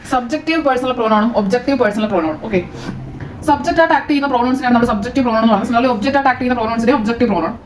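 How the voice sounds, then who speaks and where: There's background noise as a Malayali-accented female teacher races through a grammar lesson in a somewhat high voice. She mixes English phrases into her explanations and asks the class questions before answering them herself.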